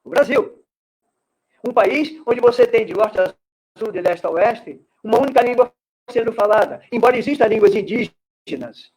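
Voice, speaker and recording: A man's voice: very high-pitched, normal speed, darkish tone, husky, low-quality recording. A man with a Brazilian Portuguese accent, a radio guest explaining things in a teaching way, full of examples. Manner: didactic, gives examples and conjugations. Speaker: guest speaker on Esperanto.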